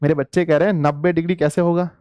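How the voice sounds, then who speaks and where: A man's voice: a little high, little pitch movement, very fast, a little mellow, smooth, no room sound, clean studio sound. A man teaching a live online class, coaxing his pupils like dear children and repeating phrases for emphasis.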